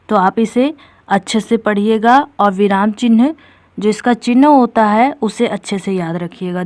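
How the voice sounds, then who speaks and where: A woman's voice: on the high side, a little mellow, dry recording. A woman teacher explaining a grammar topic step by step for exam preparation, addressing viewers directly as friends. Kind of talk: exam-prep grammar lesson.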